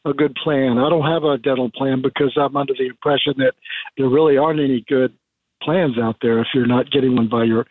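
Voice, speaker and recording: A retired man over sixty-five, calling in with a halting question and many fillers, heard through a clipped telephone line. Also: medium pitch, no echo. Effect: clipped, tinny telephone line. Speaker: caller. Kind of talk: call-in question to a radio show. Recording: dry, tinny phone line.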